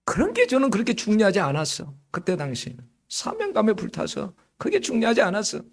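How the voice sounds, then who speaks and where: A middle-aged man preaching a sermon as pastor, slightly hoarse, telling stories in a lively way and often checking in with the congregation. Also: high voice, brisk. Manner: lively storytelling with frequent rhetorical "응?".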